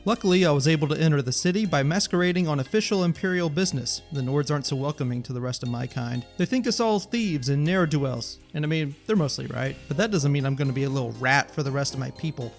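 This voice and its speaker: Gaming narrator, male, wry and joking, a bit high-pitched. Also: fast, few pauses, soft background music. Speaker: gaming YouTuber. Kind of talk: scripted gameplay narration.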